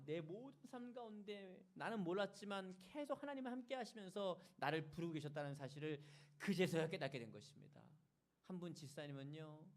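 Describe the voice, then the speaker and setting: A man's voice: medium pitch, darkish tone. A male pastor preaching a Sunday sermon in a church, telling stories with dramatic, emphatic rises. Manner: dramatic storytelling, emphatic and rising. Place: church sanctuary.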